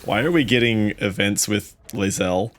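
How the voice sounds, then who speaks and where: A man's voice: on the low side, normal speed, slight background noise. A man playing a co-op game with friends, teasing them and laughing often. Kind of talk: casual gaming chat.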